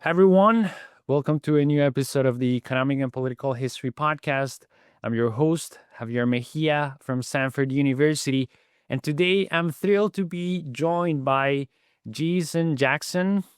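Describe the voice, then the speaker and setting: A man hosting an academic podcast, asking polite and slightly halting questions. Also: on the high side, smooth, no echo, clean studio sound. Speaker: podcast host. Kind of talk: academic interview.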